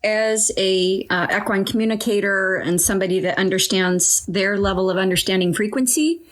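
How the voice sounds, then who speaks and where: A woman's voice: mid-range voice, moderate pace. A woman hosting an interview who tells rambling stories from her work as an equine body worker. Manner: anecdotal, rambling, acts out quoted voices. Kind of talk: casual conversational interview.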